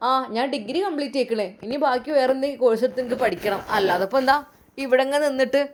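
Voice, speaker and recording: Defiant young woman, high and insistent, Malappuram Malayalam accent, played by a woman. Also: racing, darkish tone, slight background noise, natural voice.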